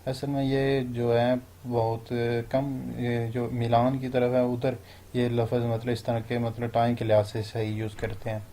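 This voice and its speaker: Even-toned man teaching phrases slowly. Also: medium pitch, slight background noise. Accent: Pakistani Urdu. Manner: slows down and stresses each foreign phrase. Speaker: language teacher. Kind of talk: explaining phrases step by step.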